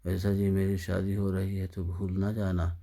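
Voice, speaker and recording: A man's voice: sits low, monotone, mellow. A man reading the lines of a weary, hopeful young woman in a sad story, in his own narrating voice.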